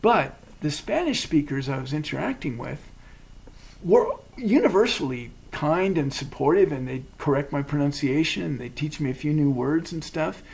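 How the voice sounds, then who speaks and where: A thoughtful man with a gravelly voice that has a husky edge, talking in a measured way. His voice sits a little higher than most men's, and he pokes fun at himself. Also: lively intonation, darkish tone, low-quality recording. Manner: thoughtful, measured, self-deprecating. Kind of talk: casual chat.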